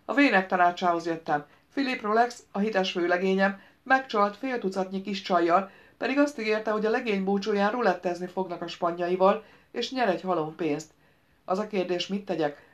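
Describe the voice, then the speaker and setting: A woman's voice: mid-range voice, highs cut off, close to an everyday voice. A woman voicing an arrogant, crude young bride-to-be in an audiobook, talking in a sassy, scornful, slangy way. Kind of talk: audiobook character reading.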